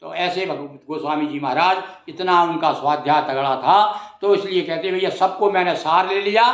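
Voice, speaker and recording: Male devotional storyteller, high voice, casual and explanatory, verses chanted slowly; roomy echo. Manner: conversational, explains verses in plain words, addresses listeners as bhaiya. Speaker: Ramayana storyteller. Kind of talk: devotional discourse.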